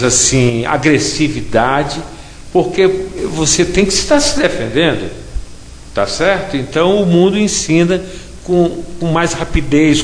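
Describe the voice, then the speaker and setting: A man's voice: on the high side, a little hiss or hum. Brazilian man telling a story in an echoey hall. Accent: Brazilian Portuguese. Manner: chatty, frequent tag questions. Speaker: interviewee. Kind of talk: casual anecdotal storytelling. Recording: echoey hall with faint ambience.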